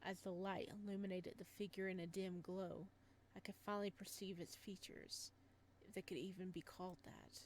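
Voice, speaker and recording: A faint hiss or hum and quiet music sit behind a woman reading a visual novel aloud in a voice on the low side. She narrates calmly but readily breaks into startled, animated reactions.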